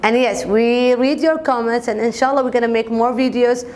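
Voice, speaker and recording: A young woman who teaches languages on video speaks to camera in an informal lesson, explaining and repeating sample words. Her voice is on the high side and a little mellow, at a moderate pace, and a slight hiss or hum sits under it. She's in a bright indoor office classroom.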